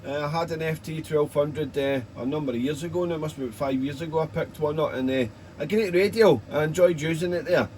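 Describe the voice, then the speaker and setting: A man's voice: fairly high pitch, brisk, few pauses, a little mellow. Chatty British man with faint background noise. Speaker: amateur radio operator. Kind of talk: casual radio contact chat with operator jargon.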